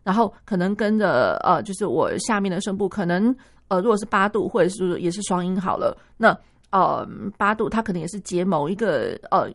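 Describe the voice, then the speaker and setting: A woman music teacher explaining a piano piece on the radio, singing rhythms aloud and thinking out loud with many fillers. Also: mid-range voice, animated, brisk. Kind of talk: radio music lesson chat.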